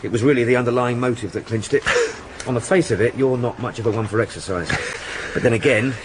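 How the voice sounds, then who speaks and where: Clear background noise and clicks sit behind a man acting a dutiful police sergeant. He is mid-pitched, polite and matter-of-fact, with a cheeky, deferential edge, in a radio play. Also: fast talker, natural voice. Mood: pleased, teasing. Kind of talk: British radio drama dialogue.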